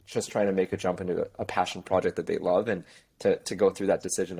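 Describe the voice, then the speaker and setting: A man hosting a podcast, asking a guest questions in an encouraging, measured way. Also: sits low, warm tone, breathy edge. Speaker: podcast host. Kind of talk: interview questions.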